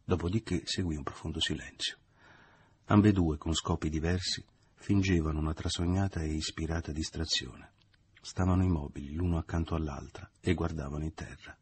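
A man narrating a literary novel as an audiobook in a measured, expressive reading. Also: extremely low pitch, slight background noise.

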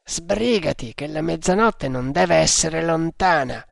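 A man gives voice to a grim, secretive cultist in an audiobook, speaking slowly and deliberately. The tone is gravelly, and the sound is close and dry. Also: fairly high pitch, lively intonation, no room sound, voice pushed up, full character voice. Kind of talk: audiobook character voice.

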